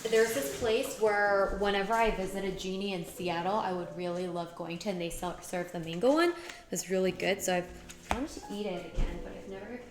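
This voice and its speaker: A woman's voice: mid-range voice, normal speed. Chatty woman cooking over music. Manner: chatty, playful, talks while cooking. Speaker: cooking streamer. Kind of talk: casual cooking chat. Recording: music playing behind.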